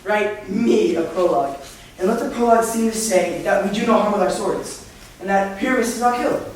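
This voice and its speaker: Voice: medium pitch, fairly quick, a little hiss or hum, close to an everyday voice. A bossy self-important weaver, acted on stage. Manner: bossy, fussy. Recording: echoey hall from far off.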